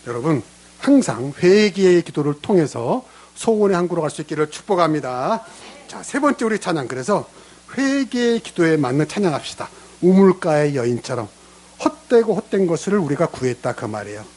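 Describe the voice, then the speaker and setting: Man, pastor, sermon in a church, fairly high voice, very lively pitch. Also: moderate pace. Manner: lively preaching, acts out prayers in character voices. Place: church sanctuary.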